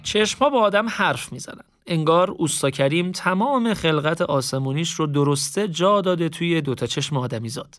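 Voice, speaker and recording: A man reading a story aloud in a calm, reflective, casual spoken style. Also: fairly high pitch, hardly any pauses, faint music behind. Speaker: narrator. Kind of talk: audiobook story narration with reflective asides.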